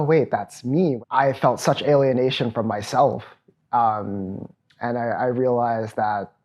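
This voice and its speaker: A programs director from Trinidad and Tobago, a man in his thirties, shares a reflective, earnest personal testimony at a virtual event. His voice is mid-range.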